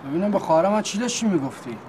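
A furious, protective older brother with a high, strained voice. He scolds in sharp bursts and sometimes shouts, and the room around him has a clear echo. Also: expressive, slight background noise. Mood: angry. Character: hot-tempered protective brother. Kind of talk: TV series acting.

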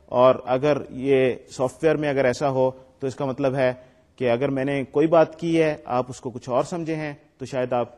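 A man delivers a recorded lecture at a mid pitch. He works through each point step by step and slips English technical terms into his speech. When he reads example sentences aloud, he stresses the key words. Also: steady tone, darkish tone.

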